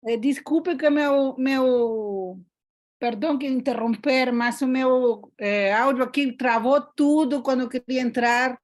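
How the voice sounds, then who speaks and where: Hesitant, apologetic woman with a higher voice on a group call. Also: measured pace. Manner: hesitant, apologetic, many restarts. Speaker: study group participant. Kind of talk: online group chat.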